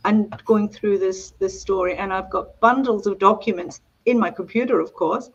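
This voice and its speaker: A Scottish woman, an author, talking in a chatty, animated way on a video call interview. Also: mid-range voice, moderate pace, breathy edge, dull audio.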